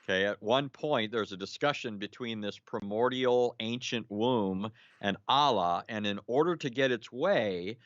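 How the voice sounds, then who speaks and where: Low-voiced man lecturing on a live stream. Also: a little slow, hardly any pauses, a bit bright, no room sound, muffled recording. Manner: lecturing, frequent fillers and restarts, rhetorical "right?". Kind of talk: live online discussion, explaining.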